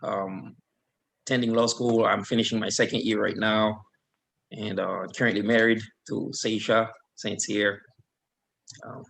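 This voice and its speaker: Gravelly low-voiced man from Haiti. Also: unhurried. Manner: relaxed, rambling with fillers. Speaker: guest, alumnus. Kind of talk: casual webinar chat.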